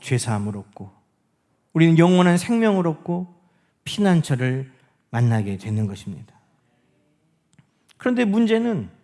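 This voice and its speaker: A male pastor preaching a sermon in church. He asks the congregation questions and swings between loud emphasis and hushed, near-whispered lines. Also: high voice. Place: church sanctuary.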